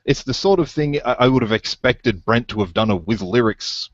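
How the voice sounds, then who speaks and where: A man's voice: medium pitch, expressive, normal speed, no echo, dull audio. A man in a casual podcast chat, rambling with enthusiasm as he recommends things.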